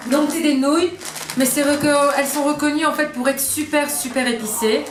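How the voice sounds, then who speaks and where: High voiced lady doing casual tasting vlog, roomy sound, music behind. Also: fairly even intonation, fairly quick. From Belgium. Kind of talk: casual chat to camera. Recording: echoey room with music behind.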